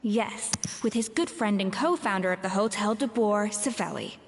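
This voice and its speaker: An actress with a medium-pitched, natural voice plays a proud, troubled young female chef in scripted video game dialogue. Her somber, reflective storytelling is measured, articulate and pensive. Game music plays behind her with long reverb and some background noise.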